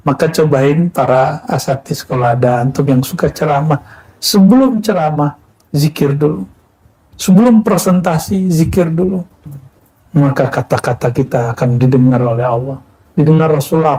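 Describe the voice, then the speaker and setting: A man preaching a Sufi sermon in a plain, unhurried teaching manner, asking rhetorical questions and answering them himself. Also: a little high, mellow, rough recording. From Indonesia.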